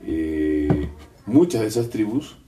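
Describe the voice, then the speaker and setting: A man's voice: fairly low pitch, big pitch swings, takes it slowly, distant mic, noisy background. A man from Peru co-hosting a talk show, reflective, with ironic asides and frequent tag questions. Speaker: co-host. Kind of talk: conversational commentary.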